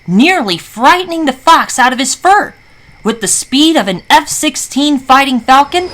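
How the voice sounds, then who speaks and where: A woman storyteller narrating a scripted children's story in an animated, dramatic style. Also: sits high, low-quality recording. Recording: faint background noise.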